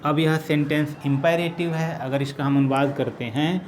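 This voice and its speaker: A man teaching an English grammar lesson, slowly repeating each phrase as he writes it out. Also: a little high, fairly even intonation, a little hiss or hum. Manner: slow, repeats each phrase while writing.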